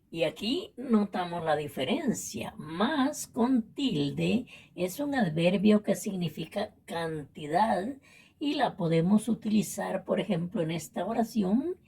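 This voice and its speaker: Woman, Latin American Spanish accent, language teacher, careful repetitive explaining, gravelly, husky. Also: medium pitch, a little mellow. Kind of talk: spelling and vocabulary lesson.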